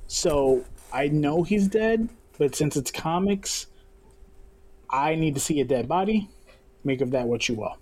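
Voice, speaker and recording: Man, fairly high voice, laid-back, casual podcast chat. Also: lively intonation, unhurried, a little mellow. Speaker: podcast co-host. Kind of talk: casual comic book chat.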